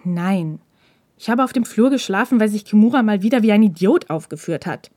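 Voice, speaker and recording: A woman's voice: medium pitch, expressive, a little fast, warm tone, natural voice. A woman voicing a defiant, hot-tempered young male student who snaps back indignantly. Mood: defensive. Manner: indignant, snapping.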